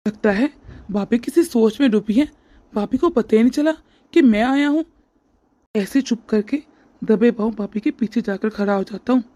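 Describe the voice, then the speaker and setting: A woman's voice: fairly high pitch, moderate pace, mellow, lightly acted. Woman voicing a sly leering brother-in-law. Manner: oily, smug, teasing. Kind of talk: cartoon voice acting.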